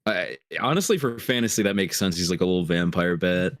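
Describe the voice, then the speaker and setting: Man, lower pitch, dry teasing humor, casual call chat, dry sound. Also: animated, fairly quick, no echo.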